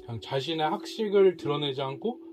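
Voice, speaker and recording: A man's voice: a little high, a little fast. A man casually talking through a Bible passage at a home worship, animating his points by acting out prayers. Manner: animated, acts out prayers with rising intensity. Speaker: family worship participant. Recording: music playing underneath.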